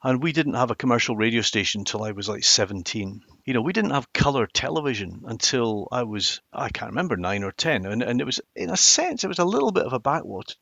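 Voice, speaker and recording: Older-ish highland scottish guy reminiscing in an interview, lowish voice, dry sound, bit muffled. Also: sing-song, quick pace, creaky, few pauses, fairly bright tone, no room sound. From Inverness, Highlands of Scotland. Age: middle-aged or older. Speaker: interview guest, former television journalist. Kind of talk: reflective conversational interview storytelling.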